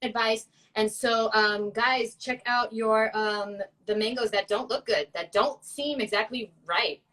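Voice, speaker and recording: A chatty woman with a fairly high voice, joking and laughing as she talks. She sounds a little distant, set back from the microphone. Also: unhurried, a bit bright. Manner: chatty, laughing, playful asides. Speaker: co-host. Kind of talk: casual chat.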